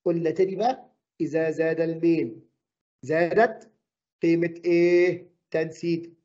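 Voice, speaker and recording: A man with an Egyptian Arabic accent teaching a physics lesson, quizzing the class with quick questions. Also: fairly high pitch, level tone, mellow, dull audio.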